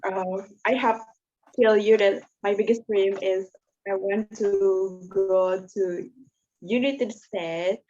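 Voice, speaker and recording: A woman learning English who asks questions in careful, halting English on a video call. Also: medium pitch, fairly even intonation, warm tone, a little hiss or hum. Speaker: student in an English conversation class. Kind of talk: casual video-call chat. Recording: muffled video-call audio.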